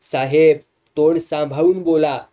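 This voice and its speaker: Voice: medium pitch, a little slow, warm tone, natural voice. A narrator voicing a blunt, protective older mother. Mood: urgent.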